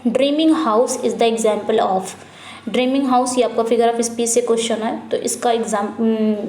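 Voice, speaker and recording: Woman exam-prep tutor, a bit high in pitch, recorded in an echoey room, repeats every answer twice. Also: dark tone. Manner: asks and answers her own questions, repeating each answer; mixes Hindi with English terms, reads questions out slowly. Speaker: English exam-prep teacher. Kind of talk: online lesson, working through a practice paper.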